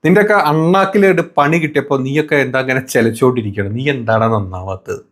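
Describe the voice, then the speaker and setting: A male commentator talks over debate clips, his voice at an ordinary middle pitch. He heaps sarcasm and crude insults on his targets, often in a falsely affectionate tone. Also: fast talker. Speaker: political commentary host.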